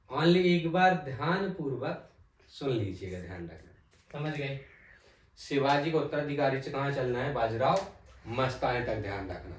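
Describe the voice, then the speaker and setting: A male teacher giving an exam-prep history lesson, repeating key names and asking the class quick check questions. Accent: Hindi. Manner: repeats key names, tag "ध्यान रखना" often drops low and soft. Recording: echoey room, mic at a distance.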